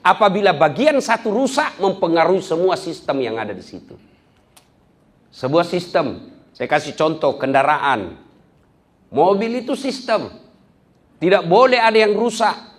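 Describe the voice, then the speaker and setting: A man delivers an animated sermon in a fairly high voice. His pitch leaps around constantly, from loud, raised exclamations to quiet, low asides. He acts out the quoted voices in his teaching. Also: measured pace, pauses often. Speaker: preacher. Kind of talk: lively sermon at an office gathering.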